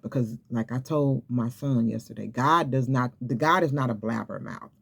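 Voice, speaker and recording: A man's voice: mid-range voice, moderate pace, creaky, slightly rough. A man preaching an informal sermon to camera, exhorting and repeating himself, often checking in with "okay?". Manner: repetitive, exhorting, with many restarts and "okay?" checks.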